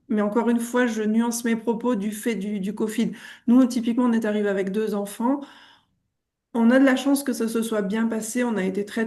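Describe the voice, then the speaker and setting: A woman with a French accent speaking as a webinar panelist over a video call, measured and often pausing with fillers. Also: medium pitch, darkish tone. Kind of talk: conversational webinar talk.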